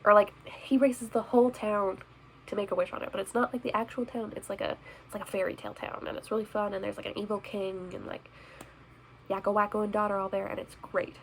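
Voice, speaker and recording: A woman's voice: medium pitch, flat delivery, fast, gravelly, slight background noise, low-quality recording. Chatty young woman vlogger. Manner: chatty, bubbly, self-deprecating. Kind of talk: casual chat reviewing movies. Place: indoors in front of a Christmas tree.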